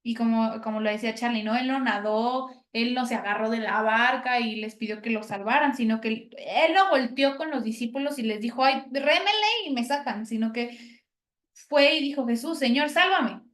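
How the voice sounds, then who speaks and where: A woman's voice: on the high side, brisk, hardly any pauses. A woman reflecting on scripture in a church discussion, often checking in with a questioning tag, over a video call. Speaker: discussion participant. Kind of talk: Bible teaching discussion. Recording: roomy echo.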